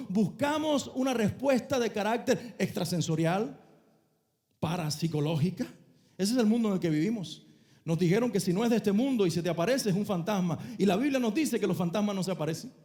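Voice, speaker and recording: A male pastor preaching a sermon, telling a story with dramatic shifts between soft and loud delivery and asking the congregation to repeat phrases. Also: high-pitched.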